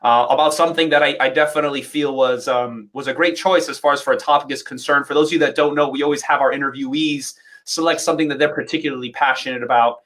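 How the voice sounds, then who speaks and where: A man's voice: mid-range voice, fairly even intonation, quick pace, a bit bright. A man hosting a dance livestream interview, enthusiastic and rambling, with many fillers and restarts. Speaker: host and dance instructor.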